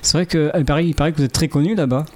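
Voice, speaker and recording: A man's voice: a little high, racing. A man hosting a radio interview, prompting his guests with friendly questions. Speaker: radio host.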